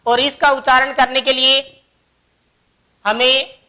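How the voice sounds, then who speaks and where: Slow, bright-voiced woman teaching grammar. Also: high-pitched, flat delivery. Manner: slow, explaining each example word by word. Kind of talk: classroom grammar lesson.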